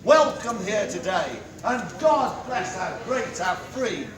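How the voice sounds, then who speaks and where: High-pitched declaiming man, a town crier. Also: expressive, slow pace, a crowd in the background. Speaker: town crier and event host. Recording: distant mic, echoey, clearly noisy.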